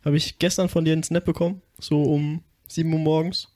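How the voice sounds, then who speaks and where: A young man co-hosting a casual podcast chat, loud and laughing in slangy banter, so close to his mic that it clips and distorts. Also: fairly high pitch, flat delivery, a little fast. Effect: clipping, distorted mic from being too close. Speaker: podcast co-host. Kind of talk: casual chat among friends. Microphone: close desk mic, overdriven.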